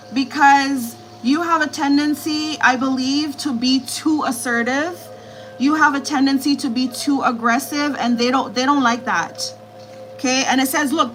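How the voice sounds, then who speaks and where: A woman's voice: high-pitched, a bit bright, poor audio. A woman doing a live tarot reading, repeating herself reassuringly as she relays messages from spirits. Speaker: tarot reader.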